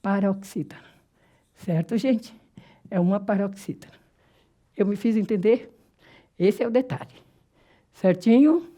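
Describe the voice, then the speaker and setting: Lively Brazilian woman teaching grammar. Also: fairly high pitch. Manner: lively, repeats and spells out words slowly, asks rhetorical questions. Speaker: Portuguese teacher. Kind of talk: exam-prep grammar lesson.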